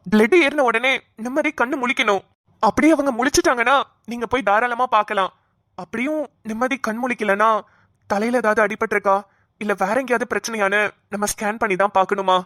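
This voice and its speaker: A woman voicing a calm young male doctor who reassures the family in an animated cartoon. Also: a little high, fairly quick, no room sound, clean studio sound, close to an everyday voice. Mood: reassuring. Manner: soothing, explaining patiently.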